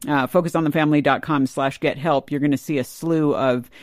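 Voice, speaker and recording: A man hosts a casual podcast conversation. His voice sits a little high for a man, and he talks loosely, with fillers and quick murmurs of agreement. The sound is close and dry. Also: no echo. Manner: relaxed, full of fillers and frequent listening murmurs. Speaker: podcast host. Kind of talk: casual interview chat.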